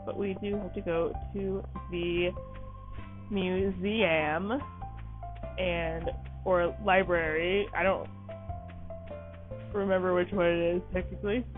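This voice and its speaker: A woman's voice: fairly low pitch, fairly even intonation, takes it slowly, long pauses. A tired woman chats her way through a casual game playthrough, rambling and apologizing as she goes. Her voice comes through thin and phone-like, with faint background music. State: tired, yawning. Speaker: gaming channel host. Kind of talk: casual let's-play commentary.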